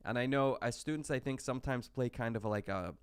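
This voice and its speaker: A man's voice: medium pitch, brisk, clean tone, no echo, studio quality. A sick man with hiccups, casually talking through a recorded online math lecture with many fillers and restarts. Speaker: math instructor.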